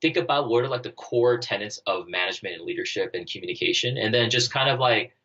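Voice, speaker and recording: A startup co-founder who used to be an army officer answers questions as a guest on a career podcast. His low voice is forceful, but he halts and thinks aloud, leaning heavily on "like" and "you know." The audio sounds a bit dull.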